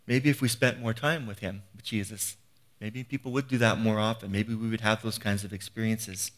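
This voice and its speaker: A man's voice: on the low side, fairly even intonation, normal speed, fairly bright tone. A man in his fifties giving an earnest, conversational sermon, often restarting phrases and asking rhetorical questions. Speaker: preacher.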